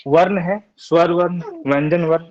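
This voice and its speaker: A young man teaches a Sanskrit class online, patiently and reassuringly sounding out syllables slowly one by one, repeating them and often checking in with students by asking "theek hai?". His voice is a little high with fairly even intonation, and the lo-fi class audio sounds dull.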